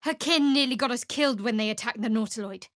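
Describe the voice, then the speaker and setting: A lightly acted, fairly high-pitched performance gives voice to a guarded, devout young cleric of a dark goddess from a fantasy video game. The delivery stays measured and wry while the mood is measured and solemn, in a dry studio-quality recording.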